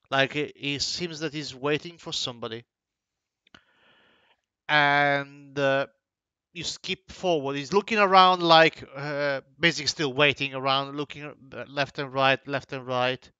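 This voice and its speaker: Slow, bright-voiced male game master. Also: fairly high pitch, clear, resonant tone, dry recording, dull audio. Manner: hesitant, many fillers and restarts. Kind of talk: narrating a tabletop game.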